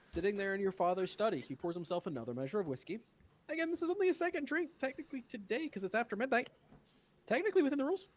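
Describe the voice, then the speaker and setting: Animated man running a tabletop game. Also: high-pitched, rapid-fire. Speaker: game master.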